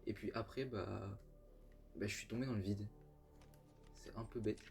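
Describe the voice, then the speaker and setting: Faint music sits behind this young man's fairly low, gravelly, darkish voice as he plays a game for his YouTube channel. Steady and moderately paced, his let's-play talk is casual and jokey, with plenty of fillers and false starts.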